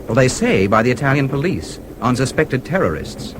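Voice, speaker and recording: A man with a very animated, medium-pitched voice at normal speed, close to an everyday voice, acts the part of a genial, confident American newspaperman in a radio drama, using an American accent. The delivery is explanatory, breezy, and self-assured, and the radio play carries clear background noise.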